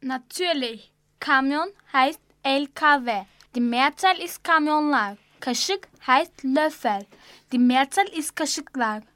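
A young girl reading her lines on a school radio show slowly and carefully. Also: high-pitched, fairly bright tone, no echo. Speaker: student radio participant.

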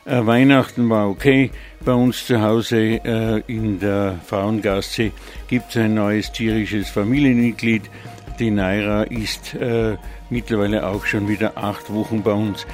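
A man's voice: on the low side, fairly even intonation, a little slow, a little mellow. A man presenting a live music radio show, speaking off the cuff with a slightly congested nose, hesitant and digressive, often correcting himself. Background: music playing under the voice.

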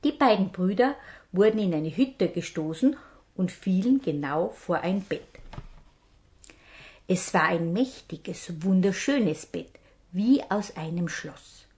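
A woman hosting a herb show, reading a fairy tale aloud slowly and dramatically. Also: lowish voice, expressive, darkish tone. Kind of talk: storytelling narration.

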